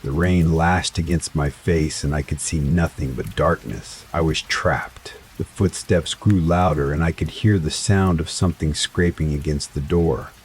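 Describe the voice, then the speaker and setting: A man narrating a first-person horror story in a slow, dramatic scripted style. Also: extremely low pitch, a little hiss or hum. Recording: faint rain sounds behind voice. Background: rain ambience.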